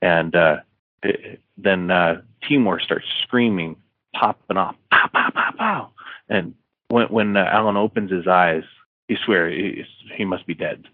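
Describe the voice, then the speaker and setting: A man's voice: low-pitched, measured pace, no echo. A man, an author being interviewed, casually retelling a story with many fillers and restarts. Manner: rambling with many fillers and restarts, acting out dialogue. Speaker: author guest. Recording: dry phone-like line.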